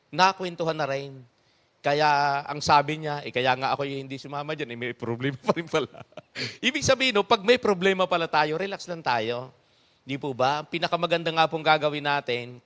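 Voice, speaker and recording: A male pastor delivers an easygoing sermon, his voice sitting slightly high. He chuckles often and keeps throwing rhetorical questions to the congregation. His delivery stays animated and talky. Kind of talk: conversational sermon.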